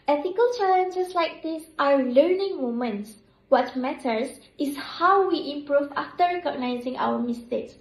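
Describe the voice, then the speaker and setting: A woman's voice: high-pitched, darkish tone. A young woman playing an empathetic hospital nurse in a scripted role-play, speaking with earnest, formal sympathy. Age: young adult. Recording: roomy echo.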